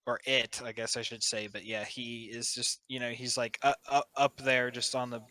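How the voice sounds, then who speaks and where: A man acts as game master in a casual tabletop session. His voice is bright and mid-pitched, and he narrates haltingly, making it up as he goes. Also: little pitch movement, dry recording. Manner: halting, improvising.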